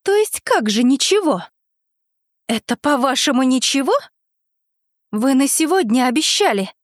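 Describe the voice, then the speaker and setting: A woman reading aloud, voicing a brisk landlady who impatiently demands her rent. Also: high-pitched, sing-song, no echo, clean studio sound, heavily acted. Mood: demanding.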